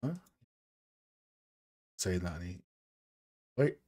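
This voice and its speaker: Speaking slowly but with animation, this streamer and game art host has a deep, dark-toned voice. He rambles casually and self-deprecatingly with his live-stream viewers while he works on a model.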